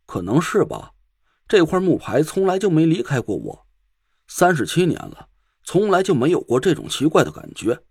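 A man's voice: on the high side, wildly swooping pitch, moderate pace, a little mellow, breathy edge, dry recording, clean studio sound, full character voice. A man voicing a loyal aging male servant who speaks hesitantly and broodingly, in an older man's voice. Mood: uneasy.

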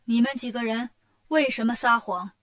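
A woman voicing a bold, clever male monkey hero who talks in a brisk, confident way. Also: fairly high pitch, fairly bright tone, natural voice.

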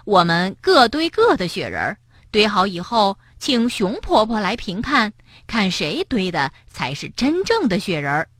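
A woman voicing a playful, stubborn young male rabbit in a children's storybook, with excited, shrill calling. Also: measured pace, no room sound, clean studio sound. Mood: insistent.

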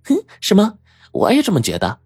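A male storyteller voicing a spoiled, quick-tongued young woman who teases and huffs. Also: high-pitched, huge pitch swings, darkish tone, slightly rough, dry recording, clean studio sound, pitched above the performer's own voice, exaggerated voice. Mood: sassy teasing. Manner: mocking, teasing, huffy.

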